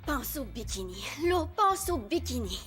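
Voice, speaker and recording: A woman's voice: high voice, very animated. A woman with a Québécois French accent, voicing a dramatic, whiny, spoiled rich teenage girl in a cartoon. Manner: dramatic, whiny, quick mood swings. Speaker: cartoon voice actor. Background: cartoon background music.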